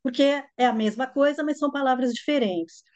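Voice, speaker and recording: A woman's voice: high-pitched, a little fast, a little mellow. A Brazilian woman with a carioca accent, an English teacher answering interview questions in an explanatory way, with frequent fillers. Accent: carioca Brazilian Portuguese.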